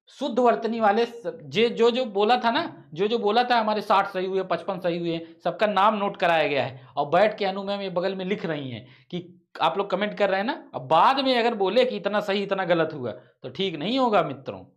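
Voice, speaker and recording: A male teacher with a voice that sits high hosts a live online exam-prep lesson. Between questions he quizzes his viewers and cracks teasing jokes.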